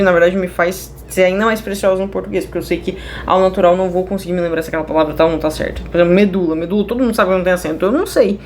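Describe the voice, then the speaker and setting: A woman's voice: lowish voice, a little mellow, slight background noise. Chatty woman teaching a casual class. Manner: chatty, digressive, many fillers and self-corrections. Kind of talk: casual online class explanation.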